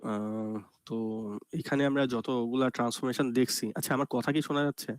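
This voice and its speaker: Guy teaching cs online, soft slow talk, dry close sound, mixes in english terms. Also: medium pitch, fairly even intonation, clean tone, no room sound. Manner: explains step by step, often asks "ঠিক আছে?"; speaks softly and slowly on purpose. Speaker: computer graphics lecturer. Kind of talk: online lecture.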